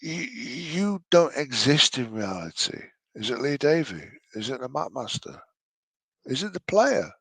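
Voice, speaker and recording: A man's voice: medium pitch, very animated, a little slow, vocal fry, fairly bright tone, husky, no echo. An English man in his late forties giving mocking reaction commentary, sarcastic and sweary. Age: late 40s.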